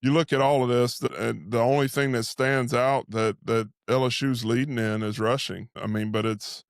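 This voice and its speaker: Man, even-toned halftime football commentary. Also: mid-range voice, normal speed, gravelly, no echo, clean studio sound. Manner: speaks as an invested fan, saying "we". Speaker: sports show host and analyst.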